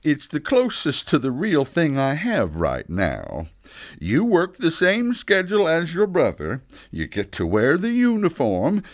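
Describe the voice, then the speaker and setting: A man playing Santa as an earnest, flustered older father who speaks haltingly in a children's audio story. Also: fairly high pitch, wildly swooping pitch, no room sound, studio quality, exaggerated voice. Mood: decisive, coaxing. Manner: halting, emotional, deliberate pauses.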